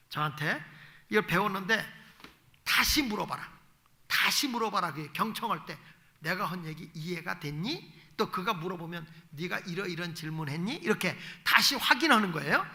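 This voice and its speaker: Man, pastor, evening sermon, very bright tone, high voice, folksy delivery with acted-out quotes. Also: vocal fry. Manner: folksy preaching, acts out quoted dialogue.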